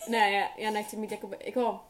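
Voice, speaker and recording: A woman's voice: medium pitch, little pitch movement. Young woman, podcast co-host, casual slangy chat, joking, offhand, mid-range voice. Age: young adult.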